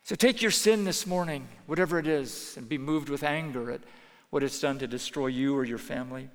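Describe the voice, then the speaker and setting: A man preaching a sermon as pastor, earnest, moving between hushed pleading and raised intensity. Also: mid-range voice, a little fast, long reverb tail. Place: church sanctuary.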